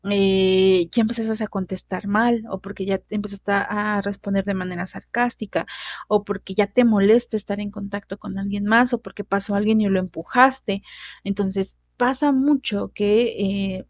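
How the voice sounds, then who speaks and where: A woman's voice: medium pitch, fairly even intonation, normal speed, dry recording. A woman giving a conversational recorded class lecture, often adding tag questions and restarting sentences. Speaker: teacher.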